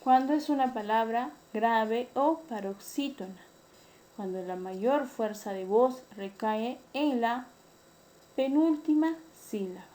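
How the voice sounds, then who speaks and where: Slow-speaking woman teacher, Peruvian accent. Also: on the high side, lively intonation, mellow. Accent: Peruvian Spanish. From Peru. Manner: slow, careful explanation for pupils. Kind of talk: virtual class lesson.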